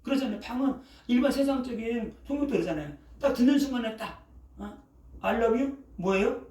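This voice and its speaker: An older pastor, in their sixties, preaches in a chatty, repetitive way, leaning on punchy sound words and checking in with the room again and again. The voice sits at a middling pitch. It reaches the mic from a distance, with the church's echo around it. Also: quick pace, warm tone. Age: 60s. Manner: keeps checking in with the congregation, asking "eh?" after each phrase. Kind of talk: sermon. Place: church sanctuary. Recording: roomy echo, voice picked up from a distance.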